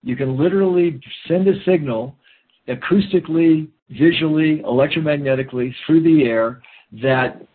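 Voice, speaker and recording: A man talking earnestly in a rambling interview, often restarting his sentences. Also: mid-range voice. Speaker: guest. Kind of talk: conversational interview talk. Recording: phone-line audio, husky.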